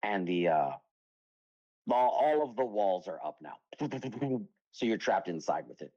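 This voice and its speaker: A man's voice: lowish voice, sing-song, unhurried, a little mellow, dull audio. A man narrating as game master in a tabletop game, rambling with lots of fillers and breaking into laughter easily.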